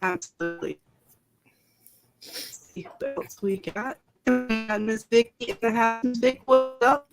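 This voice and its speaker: A woman co-hosting a casual live-stream chat, giving laid-back, friendly shout-outs to viewers. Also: fairly high pitch, measured pace, gravelly, over loud music. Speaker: co-host.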